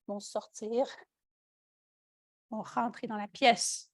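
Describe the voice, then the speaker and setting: Woman, Quebec French accent, yoga teacher, calm guiding cues, light humor, high voice. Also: slow pace, dry recording, clean studio sound. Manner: calm step-by-step cueing with light joking asides. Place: yoga studio.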